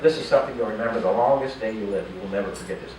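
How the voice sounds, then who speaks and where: With a loud crowd around him, an older stage magician in a casino showroom fires off jokey, chatty banter at volunteers in his live patter. His voice sits lowish and moves very fast. The recording sounds echoey, far off, and noisy.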